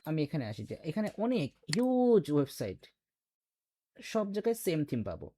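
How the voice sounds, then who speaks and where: A man's voice: sits high, big pitch swings, moderate pace, warm tone, slight background noise. A man teaching a computer class, explaining step by step and quizzing his students with questions. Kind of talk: classroom lecture.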